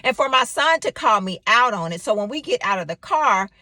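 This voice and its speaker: Woman for a faith vlog devotional, storyteller with a lively pitch and a bright, dry, close sound. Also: brisk, dry recording. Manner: animated storytelling with exclamations. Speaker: faith vlogger. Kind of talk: devotional talk.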